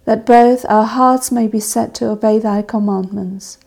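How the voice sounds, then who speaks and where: Slow, gravelly woman intoning prayers. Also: fairly high pitch, steady tone, darkish tone. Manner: measured, solemn intoning. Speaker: service officiant. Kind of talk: liturgical reading of evening prayer.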